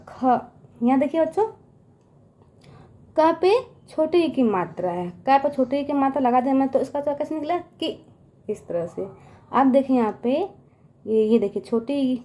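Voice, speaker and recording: High-voiced woman teaching children. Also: dark tone. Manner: coaxing, repeats "ठीक है" and "बच्चों" often; stretches syllables when sounding them out. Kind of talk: children's lesson.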